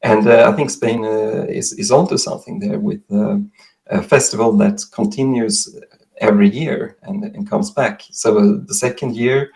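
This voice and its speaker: Male interview guest, Swedish accent, lower register with vocal fry, explains things in a measured way. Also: fairly even intonation, darkish tone. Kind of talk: interview answers.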